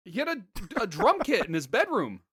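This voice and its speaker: Podcast co-host, man, animated pitch, jokey, close dry mic. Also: moderate pace, husky, no echo. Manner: joking, animated, laughs often. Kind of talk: casual chat.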